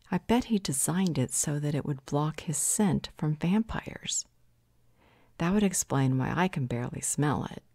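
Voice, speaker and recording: In a roleplay audio drama, a woman fully voices a strong-willed female vampire, her low, mellow tone recorded close and dry. She delivers lines in a measured, thoughtful way with a dry edge of authority.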